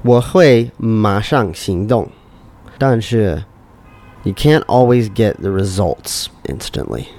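A man, a native English speaker, speaking non-native Mandarin with a foreign accent in a lazy, halting drawl during a casual chat. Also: on the low side, animated, darkish tone.

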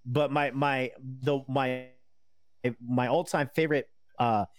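A man's voice: mid-range voice, fairly even intonation, takes it slowly, no room sound. A man in his thirties talks casually as a guest. He rambles, halts and circles back through plenty of fillers and restarts. His voice sits in an ordinary middle register, recorded dry and close. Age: 30s. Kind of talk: casual conversation.

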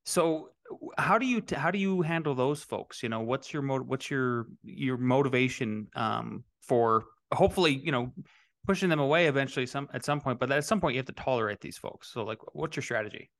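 Male podcast host, middle-aged. Chatty, meandering questions, mid-pitched. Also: lively intonation, brisk, a bit bright. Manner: rambling, frequent restarts. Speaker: podcast host, real estate developer. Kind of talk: casual interview chat.

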